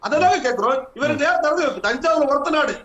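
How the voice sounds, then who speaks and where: A man's voice: extremely high pitch, fairly quick. A man arguing insistently as a party spokesman in a heated TV debate, repeating his points. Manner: forceful, insistent, repeats himself. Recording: echoey, slightly dull audio.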